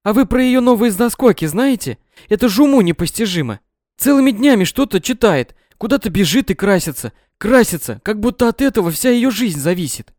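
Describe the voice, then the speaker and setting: A loud, domineering middle-aged mother, put on by a man in a high, nagging register for a storybook reading. She scolds and overdramatizes, her voice leaping up and down. The sound is close and dry. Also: sing-song, brisk, no room sound. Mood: shrill scolding. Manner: shrill, scolding, melodramatic.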